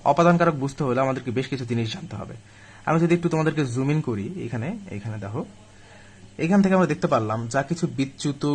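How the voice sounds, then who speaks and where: A young man teaching a live online grammar class to admission students, chatty and direct, though weak from illness. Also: medium pitch. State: weak and ill, speaking slowly.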